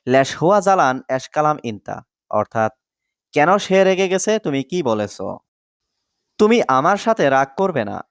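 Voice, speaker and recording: A man reading out a scripted language lesson, repeating each phrase and explaining it word by word in a measured way. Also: mid-range voice, clear, resonant tone, no echo. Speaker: language teacher.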